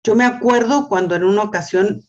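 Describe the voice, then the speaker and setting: Older woman, family lesson teacher, repeats words, animated storytelling, mid pitch, lo-fi audio. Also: a little fast. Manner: repeats words, asks "¿sí?" often. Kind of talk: church teaching talk.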